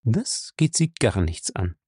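Man voicing a young man, cool, evasive, irritable, gravelly, audiobook. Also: medium pitch, sing-song, moderate pace, no echo, studio quality, exaggerated voice. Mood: irritated, cool.

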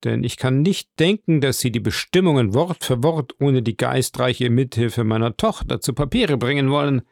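A man's voice: medium pitch, moderate pace, creaky, darkish tone, no room sound, studio quality, lightly acted. A man voicing a cool, sceptical middle-aged magistrate in a read-aloud story, formal in his speech.

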